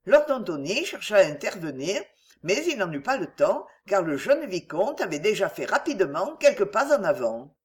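A woman narrating an audiobook with expressive storytelling. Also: mid-range voice, moderate pace.

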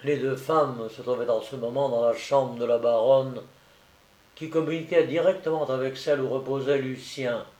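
A man narrating a novel in a measured, deliberate storytelling manner. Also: medium pitch, steady tone, a little mellow, reverberant. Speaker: audiobook narrator.

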